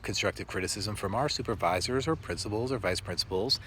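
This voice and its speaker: A male teacher telling reflective stories about his work in an earnest, halting way with many pauses. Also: fairly low pitch, sharp tone, slight background noise. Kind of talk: reflective storytelling monologue.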